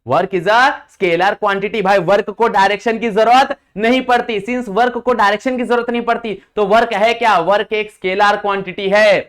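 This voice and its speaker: A young physics tutor from India lectures in Hindi mixed with English terms, repeating each point and quizzing his students. His high-pitched voice has a clean tone and fairly even intonation, and he slows sharply on English formula lines.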